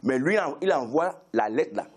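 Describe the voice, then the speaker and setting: A man's voice: mid-range voice, expressive, normal speed, husky. A man, arguing insistently as a political guest in a heated debate, repeating himself and stumbling over words. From Benin.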